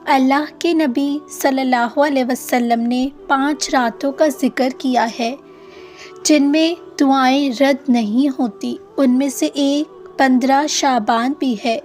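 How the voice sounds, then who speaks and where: Woman, high voice, steady instructive voice-over, soft music behind. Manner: steady, instructive, listing steps. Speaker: religious channel host. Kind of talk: scripted instructional talk.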